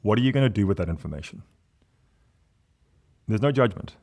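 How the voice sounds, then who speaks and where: A man in his forties talks as a guest on a casual podcast. His voice sits fairly low, yet it leaps up and down as he presses his points with emphatic, animated energy. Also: brisk. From South Africa. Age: 40s. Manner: animated and emphatic, big pitch swings.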